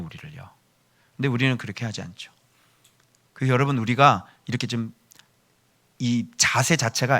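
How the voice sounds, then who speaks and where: A male pastor preaching a sermon, acting out quoted people and shifting between loud outbursts and hushed asides. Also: fairly high pitch. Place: church.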